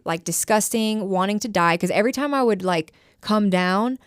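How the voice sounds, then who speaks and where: A woman in her thirties, appearing as a podcast guest, tells her personal story candidly, rambling and leaning heavily on the filler "like." Her voice is medium-pitched, clean and moderately paced, recorded at studio quality with no echo.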